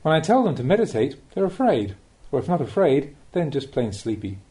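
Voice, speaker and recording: A male Buddhist monk delivers a scripted spiritual teaching as an audiobook, using careful, deliberate phrasing and rhetorical questions. He sounds a little high-pitched, very animated, and warm.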